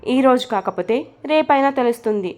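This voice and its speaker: A woman's voice: on the high side, expressive, a little fast, a little mellow, close to an everyday voice. A woman voicing a touchy young wife who pouts and whines in a storybook. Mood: sulky. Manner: sulky, whiny.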